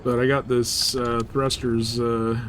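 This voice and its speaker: His delivery is flat and slow, the mid-range voice fairly bright, as he casually narrates his live-streamed gameplay in a rambling, slang-filled way. Background noise comes through clearly.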